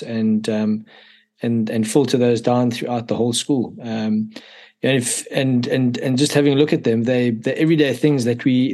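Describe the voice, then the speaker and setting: A man as a podcast guest, chatting casually in an agreeable, halting way. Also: medium pitch, darkish tone. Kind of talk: casual discussion.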